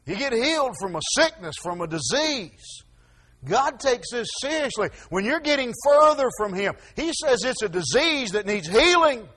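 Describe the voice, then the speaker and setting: A man preaching in a high, husky voice. He talks in a folksy way, stumbling over repeated words, then drops to near-murmured asides before rising to loud, emphatic points. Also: sing-song, normal speed. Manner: folksy, stammering restarts, swings from soft asides to loud emphasis. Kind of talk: sermon.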